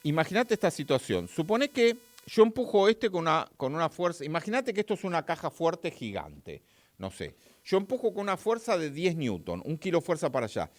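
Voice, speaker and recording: In a live-streamed physics lesson, a man with an Argentine accent chats with his viewers directly and reads their messages aloud. His pitch is on the high side, swinging widely, and he talks a little fast. No room sound is audible.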